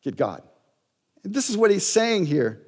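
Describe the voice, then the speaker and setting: A man's voice: sits high, sing-song, a little slow. Male pastor preaching in a reverberant hall. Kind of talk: sermon. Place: church sanctuary.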